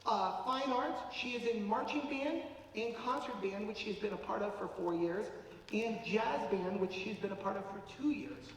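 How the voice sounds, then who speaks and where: A man presenting informally as a school official at a public meeting, halting a little as he reads out details. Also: high voice. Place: large auditorium, from the stage. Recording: very echoey auditorium, distant mic, faint noise.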